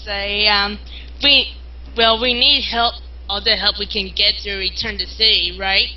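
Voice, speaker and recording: A woman's voice: medium pitch, steady tone, measured pace. A woman playing a tabletop game, rambling and hesitant in casual chat, in a dull lo-fi recording. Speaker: player.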